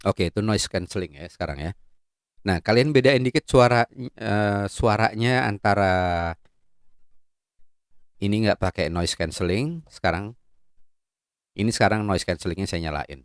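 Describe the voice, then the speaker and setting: A man's voice: lowish voice, a little slow, long pauses, no room sound. Joking man reviewing audio gear. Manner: playful, joking, chatty. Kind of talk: casual product review.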